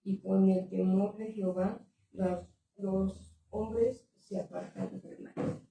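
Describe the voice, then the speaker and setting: Someone in the pews reading a verse, slow and flat, super echoey room, far away. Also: mid-range voice, creaky. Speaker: congregation member. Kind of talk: reading scripture aloud. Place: church hall. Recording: very echoey hall, far from the mic, faint background noise.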